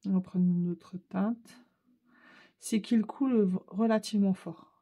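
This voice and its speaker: Woman, Ch'ti accent, mellow husky voice, chatty craft demo. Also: mid-range voice, fairly even intonation, a little slow. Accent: Ch'ti (northern France). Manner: chatty, thinks aloud while painting. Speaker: craft channel host. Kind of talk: casual art-supply demo.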